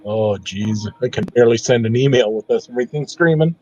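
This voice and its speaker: A man's voice: medium pitch, fairly quick, dark tone, dull audio. A man who is a regular of the stream, chatting in an easygoing, folksy way over a call. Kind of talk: casual chat.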